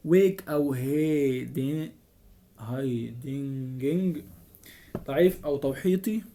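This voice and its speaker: A man with an Egyptian Arabic accent, working through a lecture from slides as a student tutor. He reads out English terms haltingly and then translates each one. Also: medium pitch, dark tone, slight background noise.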